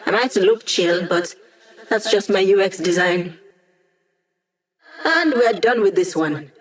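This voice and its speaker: A woman's voice: medium pitch, expressive, slow pace. An actress playing a young digital hacker woman in a video game, wry and playful, with casual, teasing tech-geek banter. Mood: confident. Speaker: hacker support character guiding a squad. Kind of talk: video game character voice lines.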